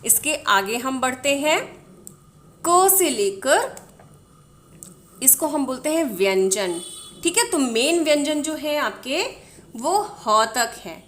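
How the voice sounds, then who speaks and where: A woman's voice: high voice, lively intonation, a little slow, fairly bright tone. A woman teaching the Hindi alphabet, sounding out each letter and often checking in with her viewers. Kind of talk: slow alphabet lesson.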